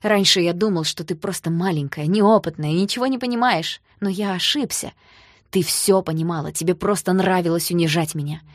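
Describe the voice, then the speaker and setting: A woman's voice: lowish voice, fairly quick, no room sound, studio quality, lightly acted. A woman reading the lines of a proud, hot-tempered young man in an audiobook, with a heated, biting delivery. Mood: bitter.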